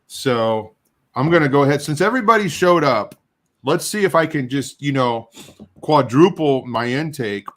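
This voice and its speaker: A middle-aged man hosting a casual chat while he tastes hot sauce. He rambles in a halting, self-deprecating way, and his nose is running. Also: mid-range voice, expressive, a bit bright. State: runny nose. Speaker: show host.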